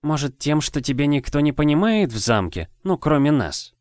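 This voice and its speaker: A timid, polite young boy who chooses his words carefully, as a man plays him. His voice sits raised above a normal man's and stays quiet. The recording is dry. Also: on the high side, sing-song, moderate pace, no echo, pitched above the performer's own voice. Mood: calm.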